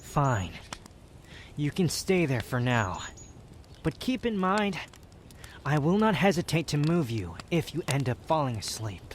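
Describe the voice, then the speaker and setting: A man acts out a haughty young male wanderer for a romantic ASMR roleplay. He is prickly and dry, with formal wording that lets a reluctant fondness through. There is clear background ambience noise. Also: fairly high pitch, very animated, measured pace, long pauses. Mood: grudging. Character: aloof, prickly young wanderer softening into affection.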